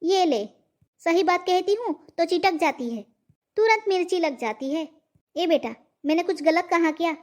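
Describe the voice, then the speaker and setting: A woman's voice: extremely high pitch, expressive, moderate pace, darkish tone. A woman voicing a bossy, boastful mother-in-law in a cartoon, talking in a nagging, self-praising way. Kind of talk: cartoon voice acting.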